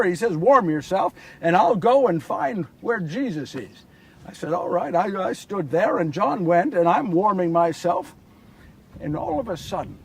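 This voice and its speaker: Man as remorseful apostle Peter, earnest stage monologue, very high husky voice, mic far off. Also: full character voice. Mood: tense. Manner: earnest storyteller, swings from hushed confession to loud anguish. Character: Simon Peter, remorseful grown fisherman apostle. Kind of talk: first-person dramatic monologue.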